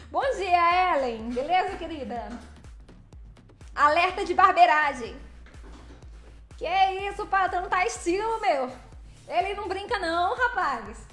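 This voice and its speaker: Playful woman chatting w/ her stream while she drives, high voice, lots of echo. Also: fairly bright tone. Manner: chatty and playful, greeting viewers by name. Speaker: livestreaming truck driver. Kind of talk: casual livestream chat greeting viewers. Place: vehicle cab while driving.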